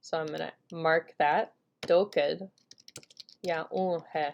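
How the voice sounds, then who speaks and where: A woman's voice: deep voice, fairly even intonation, unhurried, creaky, lo-fi sound, slight background noise. A woman giving a screen-recorded tutorial, explaining each step in an upbeat way with casual fillers. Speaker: language teacher giving a software tutorial.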